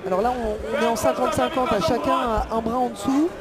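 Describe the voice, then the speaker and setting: A man's voice: very high voice, steady tone, a little fast. A man giving live MMA commentary on the fighters and the action. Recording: loud music and crowd behind. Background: music and crowd.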